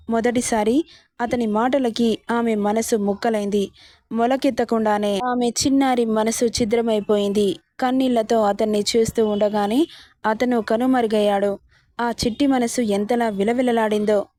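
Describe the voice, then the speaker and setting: Female storyteller, higher voice, dry close sound, emotive drama narration. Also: dark tone, no room sound.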